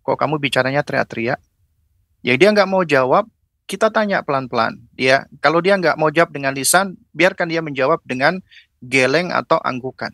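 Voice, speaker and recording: A male preacher delivering a parenting lecture with a bright, clear voice. He explains step by step and keeps adding short "ya" check-ins as he goes. The sound is dry and close, with no room echo. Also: fairly high pitch, normal speed. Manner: explains step by step, acting out gentle parent-child dialogue; fills with "ya" and "apa namanya".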